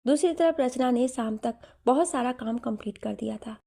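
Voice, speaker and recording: A woman reading a romantic story aloud as a steady, scripted narration. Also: on the high side, moderate pace, gravelly.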